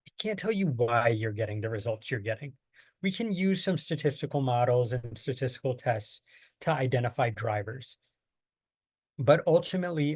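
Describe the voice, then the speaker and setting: An online training lecture on survey design is presented by a man from the United States working as a workshop presenter, whose medium-pitched voice has a darkish tone and no echo. He patiently explains things using plain everyday examples.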